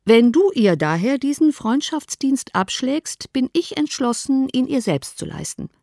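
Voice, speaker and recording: A woman reading an audiobook, voicing a dry, ironic middle-aged father who teases in a measured way. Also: high voice, sing-song, mellow, no room sound, pitched above the performer's own voice, exaggerated voice. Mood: wry. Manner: measured, wry teasing. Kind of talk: audiobook character voice.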